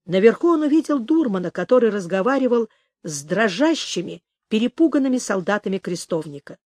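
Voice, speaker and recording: A woman's voice: medium pitch, no room sound. Woman reading an audiobook, dry sound. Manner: measured, expressive reading. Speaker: audiobook narrator. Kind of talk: scripted narration.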